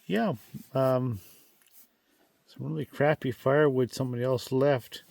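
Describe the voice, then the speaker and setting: A man's voice: mid-range voice, fairly even intonation, a little slow, creaky, darkish tone. A man vlogging casually at a campsite, joking and playfully boastful. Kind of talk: casual camping vlog chat. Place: outdoors at a backcountry campsite.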